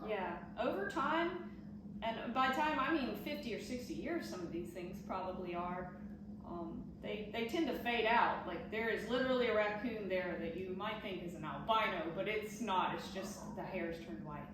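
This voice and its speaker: A woman's voice: medium pitch, animated, normal speed. A woman from the Southern United States giving casual, explanatory answers in an interview. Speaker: taxidermist being interviewed. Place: echoey indoor workshop. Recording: very echoey, distant mic, noisy room.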